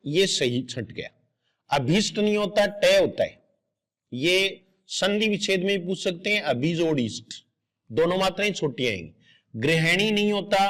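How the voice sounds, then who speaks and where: A man with a high voice gives a grammar lesson for exam students. He explains patiently, step by step. He repeats each correct spelling aloud so it sticks. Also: a bit bright. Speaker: exam coaching teacher. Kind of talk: explanatory lecture.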